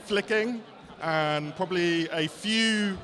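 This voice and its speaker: A British competitor gives short, laconic answers in an unhurried, slow delivery. His voice sits slightly high for a man. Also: bright, forceful tone. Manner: brief, laconic. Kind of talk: interview answers.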